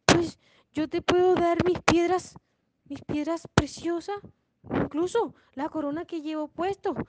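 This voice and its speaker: Woman playing a fussy young storybook princess, high-pitched, wailing, noisy recording. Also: steady tone, a little slow. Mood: pleading.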